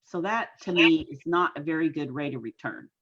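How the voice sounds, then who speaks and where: A woman in her sixties, a guest on an online interview, talking in an earnest, measured and folksy way. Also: deep voice, fairly bright tone, husky, lo-fi sound. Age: 60s. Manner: folksy, homespun phrasing. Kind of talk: casual interview talk. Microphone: video call.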